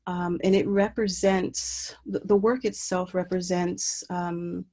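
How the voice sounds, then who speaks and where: A woman's voice: fairly low pitch, little pitch movement, slow, darkish tone. A woman from Puerto Rico, an artist walking through slides of her work in an online talk, speaking hesitantly with many ums and restarts over a video call mic. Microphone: computer mic on a video call.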